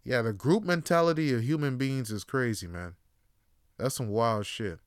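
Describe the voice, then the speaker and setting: Guy ranting on his podcast, cussing a lot, smooth voice, dry close sound. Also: normal speed, no room sound. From Toronto, Canada. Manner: profane, rambling, swings between loud outbursts and low musing. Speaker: podcast host. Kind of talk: solo casual rant.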